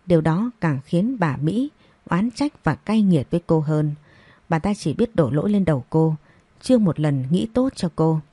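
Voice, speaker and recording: A woman reading a scripted audio story as narrator, in a steady storytelling manner. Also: sits low, normal speed, slightly rough, no room sound.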